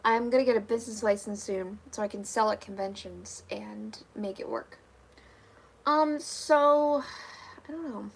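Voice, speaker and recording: A woman's voice: mid-range voice, a little slow, creaky, husky. Tired young woman chatting on a livestream. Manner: chatty, answers viewer comments. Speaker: livestreamer making fursuits. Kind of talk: casual livestream chat.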